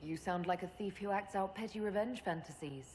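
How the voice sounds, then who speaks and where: An actress playing a composed elf woman leader in a video game, speaking in a measured, direct and dryly wry way. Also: mid-range voice, darkish tone, long reverb tail, a little hiss or hum, lightly acted. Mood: composed, probing. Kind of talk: video game character acting.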